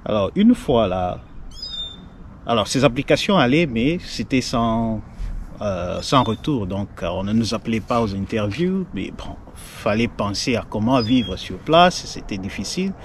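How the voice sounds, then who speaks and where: A Congolese man in his forties, a doctor, talking in a measured, hesitant way as an interview guest. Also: medium pitch, animated, a little hiss or hum. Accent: Congolese French. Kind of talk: casual interview.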